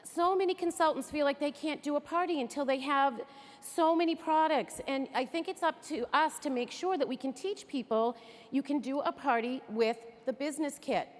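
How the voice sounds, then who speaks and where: Speaking at a normal speed in a high voice, a local woman from the Greater Boston area delivers an enthusiastic, conversational training session to an audience. The recording has the echo of a large hall.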